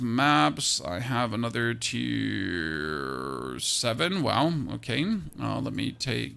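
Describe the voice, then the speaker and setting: Streaming a game, this man chats casually with his viewers in a high-pitched voice with vocal fry and a pushed, bright quality. He rambles, restarting sentences and repeating words as he goes.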